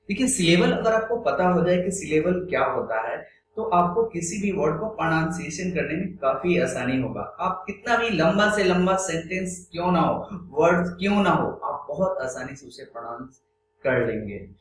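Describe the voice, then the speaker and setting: A man teaching an English grammar lesson, reading out word lists slowly and explaining them in Hindi with English phrases. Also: high voice, expressive. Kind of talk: classroom-style grammar lesson. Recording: roomy echo with faint hum.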